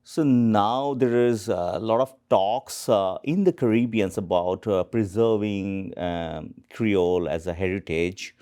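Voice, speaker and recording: A man hosting an interview, putting prepared questions politely and with a hesitant, measured delivery. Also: lowish voice, dark tone, clear, resonant tone. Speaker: interviewer, host.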